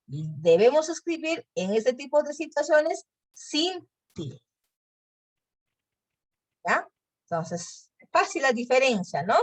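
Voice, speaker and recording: A woman teacher explaining a spelling lesson patiently, often checking in with her students. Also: on the high side.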